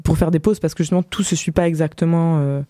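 A radio host chatting casually about books, relaxed and talkative with plenty of hesitations. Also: medium pitch, fast talker, no echo, studio quality. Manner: relaxed, chatty, many fillers. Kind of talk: casual radio book review chat. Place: radio studio.

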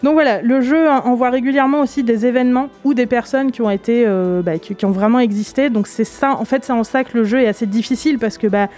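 A French woman co-hosting a radio show, presenting a board game in relaxed chat, hesitant with many fillers. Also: a little high, fast talker, few pauses. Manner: chatty, hesitant with many fillers, laughs easily. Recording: radio studio with faint music behind.

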